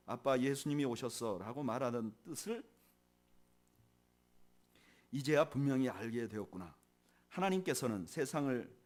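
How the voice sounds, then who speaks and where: A male pastor giving a sermon, reading a tender, grieving letter to his late son, his voice softening and sinking at the ends of phrases. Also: mid-range voice.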